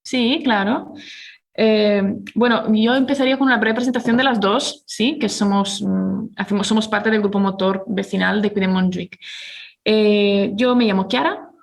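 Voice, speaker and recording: A woman's voice: mid-range voice, steady tone, normal speed, creaky. A woman in her forties from Italy, a neighborhood activist speaking as a guest, with frequent fillers and restarts. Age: 40s. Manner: hesitant, many fillers and restarts. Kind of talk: casual interview talk.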